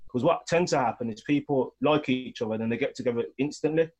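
A man's voice: medium pitch, fast talker, darkish tone, muffled recording. A man in his thirties in a laid-back podcast chat, giving advice and dropping casual slang. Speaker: podcast guest.

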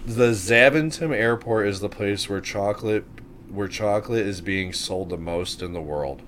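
A man's voice: fairly low pitch, moderate pace, a bit bright, a little hiss or hum. A man co-hosting a casual podcast, loose and playful, often addressing listeners as folks. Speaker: podcast co-host. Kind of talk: casual chat.

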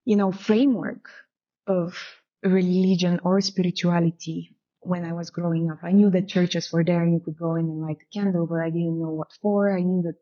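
A woman's voice: lowish voice, flat delivery, normal speed, warm tone. A woman in her thirties from Bulgaria, telling her story as a guest in a casual interview, reflective and full of "you know" fillers. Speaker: guest, shamanic guide. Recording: muffled lo-fi recording.

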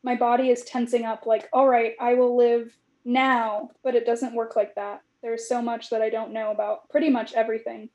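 Woman in her thirties, fairly high and mellow, reflective journal reading with lots of "like" fillers. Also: little pitch movement, moderate pace, hardly any pauses. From California. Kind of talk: casual chat, reading aloud from old journals.

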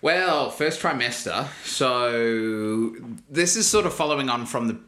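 Bright-voiced dad telling stories. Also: male voice, medium pitch, unhurried. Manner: animated storyteller, laughs often. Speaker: podcast co-host. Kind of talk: casual chat.

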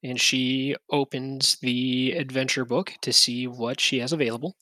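A relaxed game master who narrates and lists shop items in a loose, chatty way. The sound is close and dry, at a middle pitch. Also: unhurried, dry recording. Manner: casual, many fillers and restarts, lists items. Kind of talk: tabletop game narration and chat.

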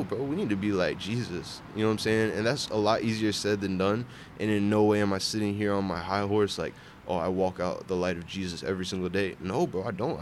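Young adult male, slightly low register, slangy and sincere faith talk, recorded outside over light traffic noise. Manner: earnest, slangy, addressing listeners as bro. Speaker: barber sharing his faith. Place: outdoors at a park bench. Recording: outdoor urban vehicle noise.

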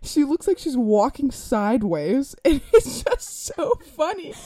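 A young woman co-hosting a podcast, telling stories in casual chat with an amused, lively manner. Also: sits high, measured pace, no room sound, studio quality. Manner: lively and amused, breaking into laughter. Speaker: podcast co-host.

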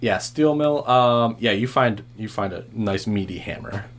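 A man's voice: lowish voice, lively intonation, measured pace, fairly bright tone, a little hiss or hum. A man hosting and narrating a tabletop game as game master.

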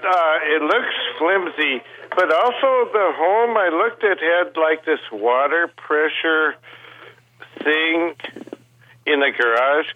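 A man calling in to a radio show over the phone, asking his question in a hesitant, halting way. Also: on the high side, expressive. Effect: heard over the phone. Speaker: radio call-in caller. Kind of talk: casual call-in question. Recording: dull muffled phone line.

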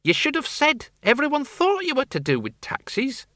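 A man voicing a sharp-tongued, thrifty old farm woman who talks bluntly and emphatically. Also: very high voice, wildly swooping pitch, normal speed, no echo, studio quality, pitched above the performer's own voice, exaggerated voice. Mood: scornful. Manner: tart, emphatic, rustic.

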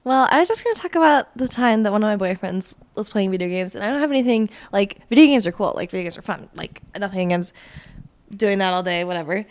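A woman's voice: mid-range voice, lively intonation, fast talker. A young woman co-hosting a podcast, chatting casually and telling stories with bursts of laughter. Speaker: podcast co-host. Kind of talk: casual chat.

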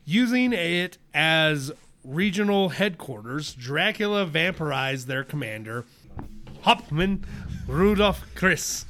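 A man's voice: on the high side, bright, forceful tone. A young adult man co-hosting a casual podcast, reading his notes and riffing with laughs. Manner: laughing, loose, reads notes then riffs. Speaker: podcast co-host presenting research. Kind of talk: casual chat.

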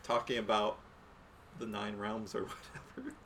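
A man's voice: on the low side, steady tone, measured pace, a bit bright, slight background noise. A man co-hosting a podcast, talking in a laid-back, wry way and laughing often. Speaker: podcast co-host. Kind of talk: casual chat.

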